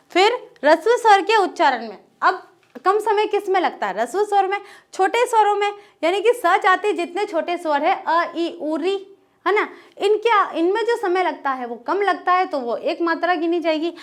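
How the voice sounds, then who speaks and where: Very high-voiced woman teaching Hindi grammar. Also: fairly bright tone. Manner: explains step by step, often asks and answers her own questions; repeats "ठीक है" as a check-in. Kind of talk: classroom lesson.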